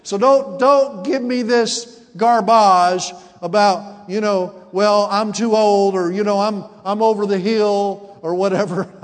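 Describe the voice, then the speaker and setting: A man's voice: high voice, fairly even intonation, slow pace, hardly any pauses, long reverb tail. A man in his forties preaching a sermon, calling out to his congregation and building to emphatic peaks. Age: 40s. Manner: call-and-response preaching, rising to emphatic peaks. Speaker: pastor.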